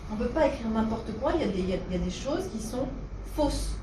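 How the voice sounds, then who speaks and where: A woman's voice: fairly high pitch, expressive, fast talker. A French woman historian and university lecturer, answering questions in a thoughtful, hesitant way. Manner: thoughtful, many hesitations and restarts. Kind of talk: conversational talk answering questions. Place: meeting room. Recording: roomy echo from a distance, noisy room.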